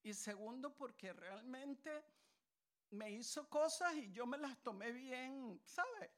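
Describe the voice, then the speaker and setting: A woman's voice: high-pitched, lively intonation, slow. A woman preaching a sermon in a conversational, storytelling way, with asides to her listeners.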